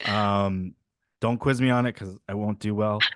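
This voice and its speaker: Easygoing Midwestern podcast host, low voice. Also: male voice, steady tone, unhurried, a bit bright, dry recording, clean studio sound. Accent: Midwestern American. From Wisconsin, United States. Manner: easygoing, loose questions with fillers. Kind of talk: casual interview chat.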